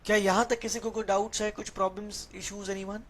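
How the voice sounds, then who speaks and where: A woman's voice: mid-range voice, flat delivery, fast talker. A woman with an Indian accent teaching English grammar in an online class, switching between Hindi and English and putting questions to her students. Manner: explaining patiently, asking students questions and reading their chat.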